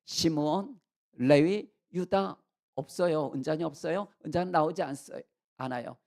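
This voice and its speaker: A male pastor preaching a sermon, telling the story in an animated way with sound effects and questions to the congregation. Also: on the high side. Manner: asks the congregation questions and leads shared reading.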